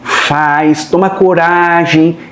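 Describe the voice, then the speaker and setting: A man's voice: on the high side, steady tone, extremely slow, a bit bright. A Brazilian man acting as a medium who channels a spirit teacher. He speaks in a colloquial, chatty way and keeps tagging his lines with "né?". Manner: acts out other people's voices in quotes. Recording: roomy echo.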